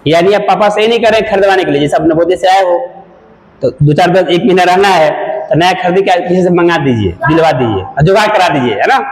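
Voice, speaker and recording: Loud drilling teacher, high voice, echoey room. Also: male voice, fast. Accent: Hindi. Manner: loud and drilling, repeats questions to the class. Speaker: English teacher. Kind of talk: classroom lesson. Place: echoey classroom. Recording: echoey classroom.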